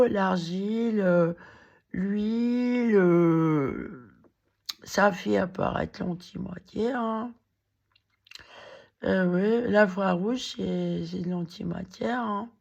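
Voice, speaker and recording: Slow, gravelly woman with a cracked voice. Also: medium pitch, darkish tone, highs cut off. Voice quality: cracked, hoarse voice. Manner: meandering, halting, with many fillers and restarts. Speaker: vlogger. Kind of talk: rambling monologue to camera.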